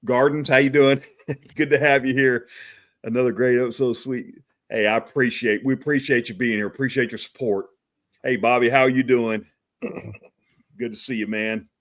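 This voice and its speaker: A man's voice: medium pitch, steady tone, moderate pace. A man from Texas hosting a casual livestream talk show, greeting viewers by name, often calling them brother and chuckling. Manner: friendly, calls people brother, chuckles often.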